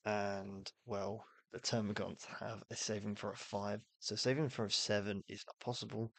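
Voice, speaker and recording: A man's voice: on the low side, level tone, normal speed, no room sound. A man streaming, casually explaining game rules and thinking aloud with fillers while rolling dice.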